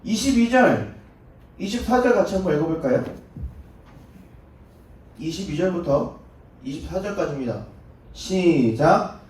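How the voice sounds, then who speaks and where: A man's voice: on the high side, expressive, measured pace, pauses often, darkish tone. A male youth pastor preaching a sermon in a church, emphatic and repeating his key points. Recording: echoey church hall, distant mic.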